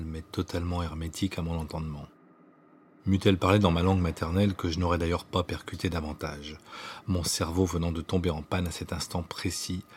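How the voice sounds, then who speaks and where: A man reading his own autobiographical story as scripted narration, in an intimate, hushed way that at times drops to a whisper. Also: low voice, a little hiss or hum. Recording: narration over clear background music.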